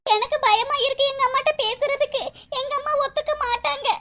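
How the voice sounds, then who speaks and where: A woman voicing Vasuki, a shy, tearful young village girl in a cartoon, who speaks in a hesitant, halting way with a southern Tamil Nadu rural dialect. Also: very high-pitched, fairly even intonation.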